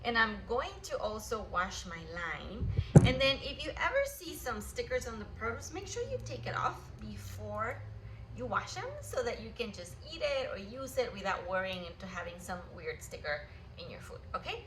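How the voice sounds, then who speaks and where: In a roomy kitchen with faint ambience, a young woman from Guatemala runs a kid-friendly cooking class, addressing viewers directly with cheerful, upbeat energy. Her fairly high voice is very animated at a moderate pace, and the recording is very noisy.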